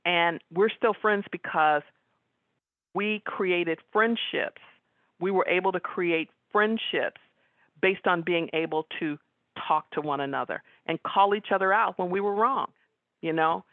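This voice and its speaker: A woman's voice: on the low side, unhurried. Woman presenting on a video call, chatty, lots of ums, thin phone-line audio with no room echo. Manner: conversational, frequent fillers. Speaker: guest speaker. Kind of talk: webinar presentation with audience questions.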